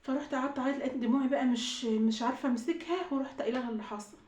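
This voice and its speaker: A woman's voice: high-pitched, fairly even intonation, rapid-fire, darkish tone, roomy sound. A woman with an Egyptian Arabic accent tells a personal story to her viewers. She sounds upset and choked up, pleads, and repeats herself. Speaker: YouTube vlogger. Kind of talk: emotional storytime vlog.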